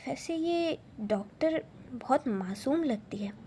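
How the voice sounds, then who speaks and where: A woman's voice: sits high, animated, takes it slowly, mellow, slight background noise. A woman doing Aadhya, a stammering young woman. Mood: wondering. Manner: stammering and flustered. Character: flustered young woman secretly in love.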